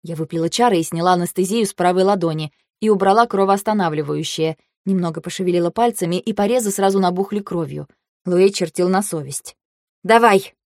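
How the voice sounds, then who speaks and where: A woman narrating a fantasy audiobook in the first person, in an expressive, vivid way. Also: lowish voice, fast talker, no room sound, clean studio sound.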